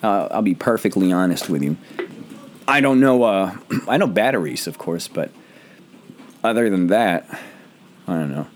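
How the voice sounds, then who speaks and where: A hoarse man hosting a casual podcast from home, joking and rambling in a self-deprecating way. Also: low voice, animated, moderate pace, pauses often, a little hiss or hum. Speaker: podcast host. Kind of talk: casual chat.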